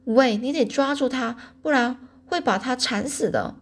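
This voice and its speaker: A woman voicing a farm mother who shouts and scolds her son in a panic. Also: lowish voice, normal speed, gravelly, slightly rough. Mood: scolding shouts.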